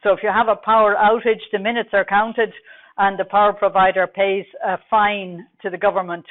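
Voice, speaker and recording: A middle-aged Irish woman with a Dublin accent gives a technical conference presentation, talking quickly with many fillers. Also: mid-range voice, level tone. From Ireland. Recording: tinny phone-like recording.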